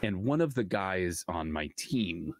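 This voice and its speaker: Male co-host, 30s, low voice, lively delivery, rambling anecdotes, dry sound. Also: a little slow, dry recording. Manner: rambling storyteller, animated. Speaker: podcast co-host. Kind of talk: casual chat.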